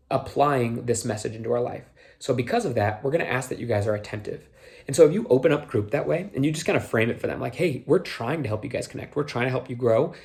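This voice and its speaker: Young man, mid-pitched, casual instructional tone, Minnesota-born, slight Minnesota accent on a few words, filler-heavy. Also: gravelly, darkish tone. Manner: conversational, many fillers, acts out quotes. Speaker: youth small group leader trainer.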